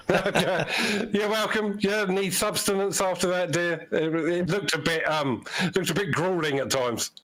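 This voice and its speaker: A man's voice: sits high, takes it slowly, a bit bright, low-quality recording. A man commentating from the booth, asking the race winner questions in a friendly, easygoing way. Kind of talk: post-race interview.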